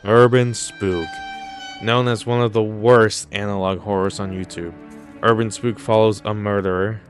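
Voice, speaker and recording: A YouTube host with a lowish, steady voice speaks a little slowly over faint background music. His comedic video commentary is casual and mock-serious, blunt and crude, with plenty of swearing.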